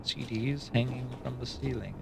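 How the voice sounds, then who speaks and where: A man's voice: mid-range voice, steady tone, moderate pace, creaky, heavy background noise. A male streamer reading an interactive story aloud on a livestream, casual, with wry asides and swearing between the passages. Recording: faint background music.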